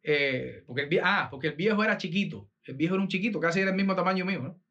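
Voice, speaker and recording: A Cuban man with a Cuban Spanish accent, a guest telling stories in an interview, animated and laughing often with many fillers. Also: high voice, racing. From Cuba. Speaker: guest, improvising poet and musician. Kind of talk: storytelling interview chat. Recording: dull lo-fi sound.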